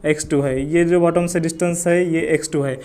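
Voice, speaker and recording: A man's voice: a little high, steady tone, moderate pace, a little mellow. An Indian man teaching a physics lesson, mixing English into Hindi and asking questions that he answers himself. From Maharashtra, India. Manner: addresses students as friends, mixes English into Hindi, asks and answers himself.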